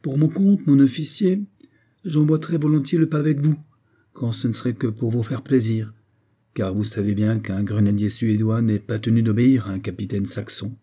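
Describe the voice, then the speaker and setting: A man's voice: mid-range voice, fairly even intonation, normal speed, mellow, breathy edge, natural voice. A man voicing a sarcastic, insolent Swedish grenadier who mocks an officer with cool irony. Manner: mocking, coolly ironic.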